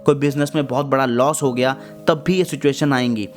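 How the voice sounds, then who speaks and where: A man's voice: mid-range voice, fairly even intonation, fairly quick. A man hosting a self-help talk, patiently explaining ideas step by step with everyday examples. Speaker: self-help channel host. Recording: voice over guitar background music.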